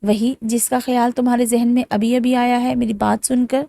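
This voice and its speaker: An eerie female apparition haunting a dark forest, mocking and menacing as she taunts. A woman reads her out in a storybook voice that sits fairly high yet mellow, recorded close with no room sound. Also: level tone, gravelly, dry recording.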